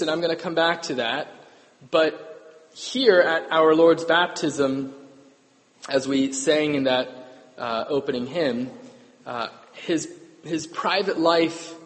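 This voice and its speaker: Male priest with a cathedral echo. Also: on the high side. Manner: conversational, self-correcting, asks the congregation "right?". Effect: cathedral echo, long church reverb. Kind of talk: gospel reading and homily. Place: large church. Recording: long echoey church reverb.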